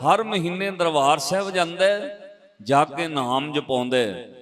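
A male Sikh preacher tells a moral story in a sermon. He stresses and repeats key phrases as he addresses the congregation. His voice sits fairly high for a man. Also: expressive, unhurried, a bit bright. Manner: emphatic, repetitive and addresses the congregation.

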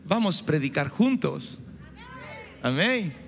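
A Chilean-born man in his forties preaches a fervent sermon into a handheld mic on a big church stage, his voice fairly high, very animated, slow, and marked by vocal fry. As the pastor addressing a large congregation, he rises to shouts and exclamations. The hall is echoey, with music playing behind him.

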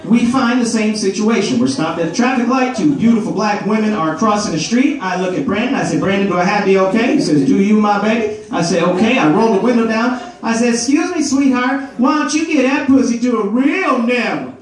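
High-voiced man doing stand-up in an echoey theater. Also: a little fast, few pauses. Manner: animated, acts out characters in shifting voices. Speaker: stand-up comedian. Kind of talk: stand-up comedy set. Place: large theater stage. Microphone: handheld mic, filmed from the audience. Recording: roomy echo, far from camera, loud crowd noise. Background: laughing crowd.

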